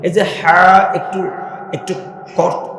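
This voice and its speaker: A man's voice: on the high side, lively intonation, a little slow, noisy background. A man from Bangladesh preaching a sermon to a mosque congregation, asking them questions and having them repeat words after him. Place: mosque hall. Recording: very echoey hall.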